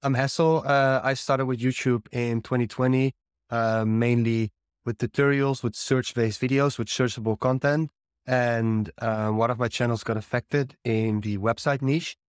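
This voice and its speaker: Smooth-voiced man, hesitant. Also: mid-range voice, steady tone, unhurried, no echo, clean studio sound. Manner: hesitant, many "uh"s. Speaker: guest YouTuber.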